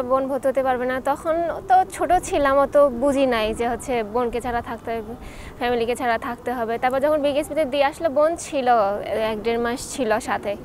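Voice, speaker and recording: A woman's voice: high voice, slight background noise. A young woman, a footballer guest recounting memories plainly in an interview. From Bangladesh. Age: young adult. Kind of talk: casual interview chat.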